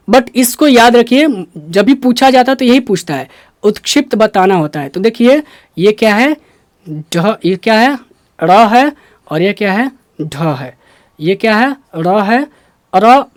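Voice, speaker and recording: A man with a Bihari Hindi accent teaching a Hindi pronunciation lesson, explaining step by step and repeating sounds slowly. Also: high voice, expressive, dry recording.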